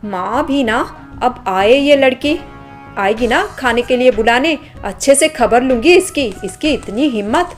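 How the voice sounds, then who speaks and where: A woman's voice: a little high, measured pace, faint music behind, natural voice. A woman voicing an arrogant, spoiled young woman from a rich family who scolds and sneers, in a storybook drama. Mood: haughty scolding.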